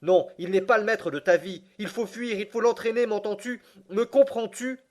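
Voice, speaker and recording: A man's voice: on the high side, moderate pace, a little mellow, voice pushed up, natural voice. A man voicing a desperate, exhausted young explorer in an audiobook, pleading and urgent. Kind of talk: audiobook character reading.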